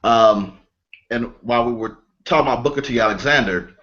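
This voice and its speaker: Guy hosting a panel talk, halting answers, dull lo-fi sound. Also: medium pitch, fairly bright tone. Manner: halting, thinking aloud. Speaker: podcast co-host. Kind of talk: casual panel discussion. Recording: dull, lo-fi audio.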